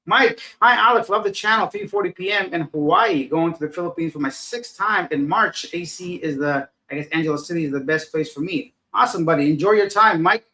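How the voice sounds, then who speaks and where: On a casual live chat, a middle-aged man from Afghanistan reads out comments and replies, drifting off topic and joking about how foggy and tired he feels. His pitch is slightly raised, his tone sharp, and he speaks briskly with few pauses.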